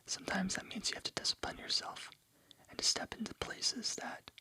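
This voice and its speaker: An ASMR host whispers encouragement in a breathy, unvoiced voice, repeating motivational phrases over and over. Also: fairly quick.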